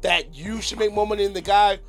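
A man's voice: high voice, brisk, faint music behind. A man co-hosting a podcast in casual chat, agreeing along and adding his own take. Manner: agreeable, lots of yeahs and backchannel. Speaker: podcast co-host.

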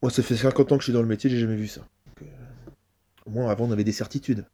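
A man playing a weary older male geopolitics pundit who rambles loudly and quickly in exasperation. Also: mid-range voice, steady tone, husky. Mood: exasperated. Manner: loud, rapid exasperated rambling.

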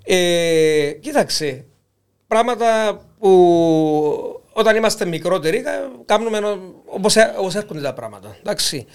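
A man's voice: high-pitched, expressive, clean tone. A man with a Cypriot Greek accent, talking as an interview guest about music, with frequent restarts. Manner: talkative, halting restarts. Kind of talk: casual conversation.

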